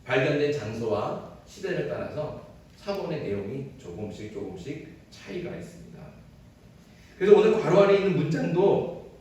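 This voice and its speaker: A man's voice: on the high side, big pitch swings, normal speed, a little mellow. A male pastor preaching an expository sermon, putting questions to the congregation and answering them himself. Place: church sanctuary. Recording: very echoey church sanctuary, distant mic.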